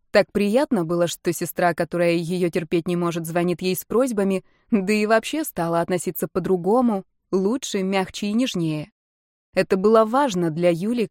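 A woman reading a novel aloud in measured, even scripted narration. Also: fairly low pitch, no echo, studio quality. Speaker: audiobook narrator.

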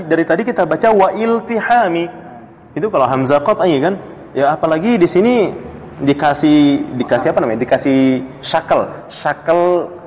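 A man teaching a classical Arabic text to a study circle, quizzing students by name and chuckling between points. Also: a little hiss or hum. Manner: questions students by name, chuckles, animated pitch jumps. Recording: dull lo-fi audio in a reverberant room.

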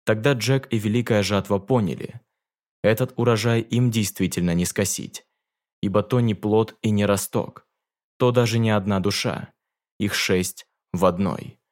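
A man narrating a fantasy audiobook in a measured, dramatic reading. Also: fairly low pitch.

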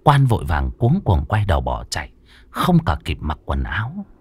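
A man's voice: deep voice, normal speed, very noisy. A man narrating a horror folk tale in a dramatic storytelling style. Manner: animated, swooping delivery. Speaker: audiobook narrator.

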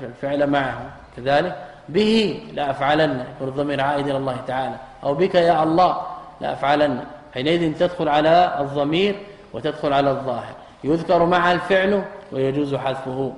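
A man, a sheikh, teaching Arabic grammar in a recorded lesson, asking rhetorical questions and repeating key terms. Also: on the high side. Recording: echoey hall reverb.

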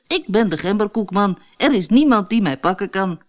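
A woman's voice: medium pitch, lively intonation, moderate pace, close to an everyday voice. A woman voicing a boastful little gingerbread man who taunts his chasers in a storybook reading. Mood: taunting.

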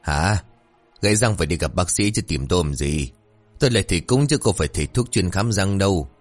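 A man voicing a crafty, crude old village shaman who talks gruffly and scolds. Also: sits low, expressive, brisk, faint music behind. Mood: wry.

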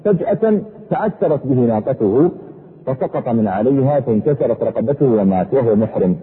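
Man, preacher, husky, fervent sermon, quick delivery, tinny lo-fi sound. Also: expressive. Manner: fervent, sweeping rises and falls in pitch. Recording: echoey hall over a tinny phone-like line.

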